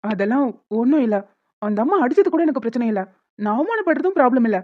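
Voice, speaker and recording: A woman's voice: high voice, sing-song, no echo. A woman voicing a hot-tempered young man, an elder brother who rants indignantly in a cartoon. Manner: indignant, fast and blustery. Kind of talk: cartoon voice acting. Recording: dull lo-fi dry recording.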